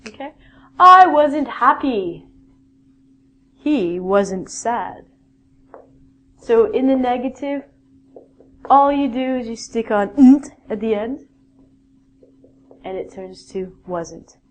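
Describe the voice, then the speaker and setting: A woman's voice: on the high side, slow, long pauses, warm tone. A woman teaching a basic English grammar lesson, patiently explaining rules and reading out example sentences.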